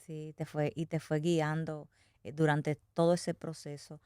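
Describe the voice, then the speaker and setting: A woman's voice: deep voice, flat delivery, a little slow, mellow, clean tone, no echo, studio quality. A woman hosting an interview, asking encouraging questions and affirming her guest's answers. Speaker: interviewer host.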